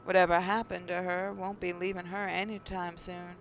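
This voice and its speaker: This gaming host reads visual novel narration aloud and comments casually, using a creaky, mid-pitched, slightly bright voice with little pitch movement at a moderate pace. Words sometimes trip and get repeated, and the noisy mic carries a noticeable low rumble.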